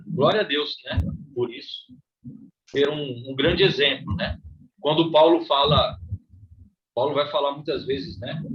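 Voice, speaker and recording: A man's voice: medium pitch, muffled recording. Brazilian man teaching a Bible class. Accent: Brazilian Portuguese. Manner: reads scripture aloud, then explains with frequent "né?".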